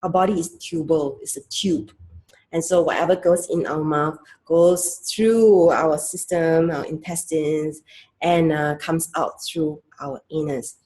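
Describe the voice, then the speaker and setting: A woman, a clinical sexologist giving a calm educational talk in short, explanatory phrases. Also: low voice, a little slow, slightly rough. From Singapore.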